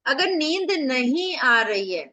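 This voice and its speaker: A woman's voice: high voice, very animated, slow, sharp tone. A woman acupressure teacher giving an online revision lecture over a video call, explaining step by step with rhetorical questions and staying firm with her students.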